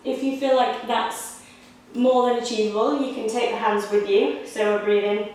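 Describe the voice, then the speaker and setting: A young woman leading a Pilates workout, giving steady, encouraging step-by-step cues. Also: a little high, moderate pace, far from the mic. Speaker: Pilates instructor. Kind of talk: guided exercise instruction. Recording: echoey room, voice picked up from afar.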